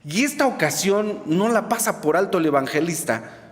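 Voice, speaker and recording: A man's voice: high-pitched, animated, normal speed, a little hiss or hum. A man preaching a sermon to a congregation, telling the story expressively and turning to the listeners with asides. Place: church hall. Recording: long reverb in a church hall.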